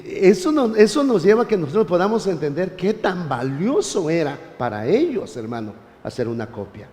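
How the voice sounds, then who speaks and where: A man teaching a church Bible class, animated, often turning to his listeners as brother. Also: sits high, moderate pace, long reverb tail.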